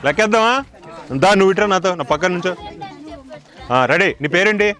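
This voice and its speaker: Man, high voice, village game host, counting out loud, music underneath. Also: fast. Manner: shouts the counts loudly, jokes with villagers. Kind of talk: lively outdoor game hosting, counting aloud. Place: village outdoors.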